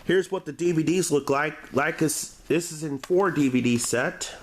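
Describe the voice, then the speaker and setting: A DVD reviewer and show host gives a homemade, unscripted video review in a slightly high-pitched voice, with a little background noise audible. He stumbles over words when reading aloud, halting and restarting them often.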